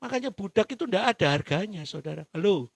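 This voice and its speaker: A man's voice: sits high, expressive, quick pace, creaky, dry recording. A man with an East Javanese accent preaching a sermon in church, telling the story with animation and calling out to the congregation. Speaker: pastor.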